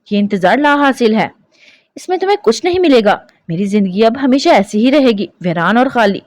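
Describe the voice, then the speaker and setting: A woman voicing a heartbroken young woman who speaks softly and sorrowfully. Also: medium pitch, no room sound, lightly acted. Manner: soft, sorrowful.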